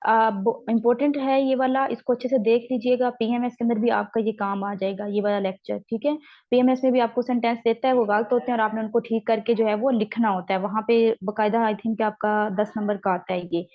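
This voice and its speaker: A high-voiced woman from Pakistan teaches a recorded exam-prep lecture. She explains each point slowly and keeps checking that her students follow. The sound is dull and lo-fi. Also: fairly even intonation.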